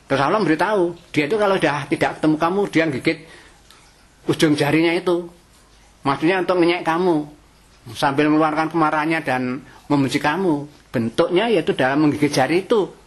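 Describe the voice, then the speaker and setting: Male Quran teacher, slightly raised pitch, conversational preaching with chanted Arabic lines. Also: fairly quick. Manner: lively, conversational preaching with Javanese-flavored asides and chanted Arabic verses. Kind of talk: Quran study lecture.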